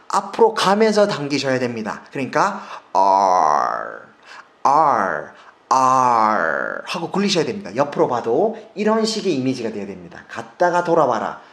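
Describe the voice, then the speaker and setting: A man's voice: medium pitch, big pitch swings, quick pace. Emphatic Korean man teaching pronunciation. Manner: emphatic, repeats sounds for drills. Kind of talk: video lesson.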